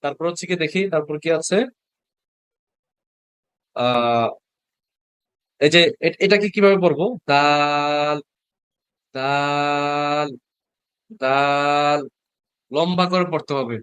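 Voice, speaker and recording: A man's voice: a little high, lively intonation, normal speed, pauses often, clear, resonant tone, dry recording. A man teaching Quran reading in an online class, patiently sounding out each Arabic letter and repeating it for learners. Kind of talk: online class lecture over video call. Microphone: video call.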